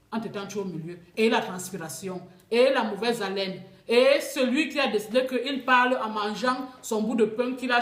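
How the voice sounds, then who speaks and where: A woman with a Cameroonian French accent, telling her own experiences in a lively, unscripted way. She often stumbles and repeats words as she talks. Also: on the high side, echoey room. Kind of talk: casual spoken testimony.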